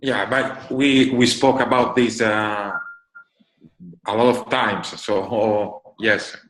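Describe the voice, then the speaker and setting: A man on a webinar call speaking haltingly, repeating words as he goes. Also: fairly low pitch, fairly even intonation, fairly bright tone. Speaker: webinar participant. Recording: roomy, echoey online call.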